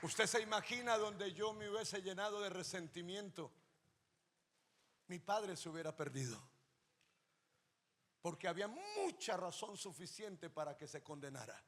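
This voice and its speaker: A man preaching a sermon as pastor, impassioned, moving between loud emphasis and hushed storytelling. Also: sits high, lively intonation, unhurried, long pauses. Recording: long reverb of a large hall.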